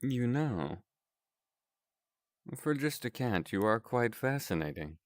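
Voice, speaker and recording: A man speaking through a morphing voice changer that pushes his voice lower, talking in a courtly, formal way as he reads a character. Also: very animated, slow pace, no echo, studio quality. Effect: morphing voice changer, pitch shifted lower.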